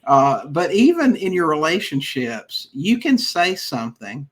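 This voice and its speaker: A man's voice: fairly high pitch, very animated, a little slow, husky. Chatty male podcast host. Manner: rambling, restarts, eager questions. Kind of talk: casual interview.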